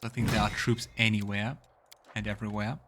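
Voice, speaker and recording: With background noise behind him, a male streamer plays a game and comments casually, musing aloud to himself. He talks briskly in a lowish, level voice.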